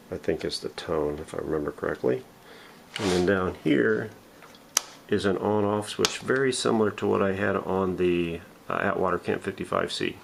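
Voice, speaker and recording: A man with a low voice and vocal fry hosts a vintage radio restoration channel, presenting a casual, unscripted workshop show-and-tell in a folksy, self-deprecating way. It was recorded indoors at home on a camera mic, with a little hiss or hum.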